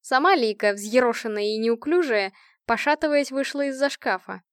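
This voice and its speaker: A woman reading a novel aloud as narrator, in an even storytelling manner. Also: fairly high pitch, moderate pace, smooth, dry recording, clean studio sound. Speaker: audiobook reader. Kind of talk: scripted narration.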